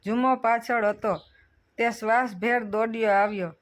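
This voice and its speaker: A storyteller giving a steady, measured reading of a scripted short story. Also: mid-range voice.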